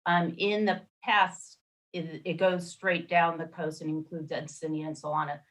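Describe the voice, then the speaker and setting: A woman commissioner explaining a map proposal at a public meeting over a video call, halting with many fillers and restarts. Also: low voice, little pitch movement, a bit bright, rough recording. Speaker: redistricting commissioner.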